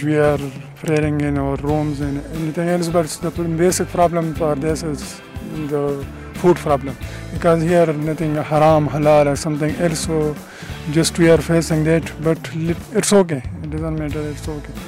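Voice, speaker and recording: A man's voice: on the high side, steady tone, normal speed, hardly any pauses, over music. A man answering a street interview outdoors in short, plain sentences. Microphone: handheld shotgun mic held by interviewer.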